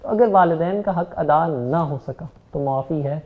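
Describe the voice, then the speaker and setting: Tinny-sounding male TV host. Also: fairly high pitch. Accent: Pakistani Urdu. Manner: affirming, asks questions to the guest. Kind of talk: religious TV talk show.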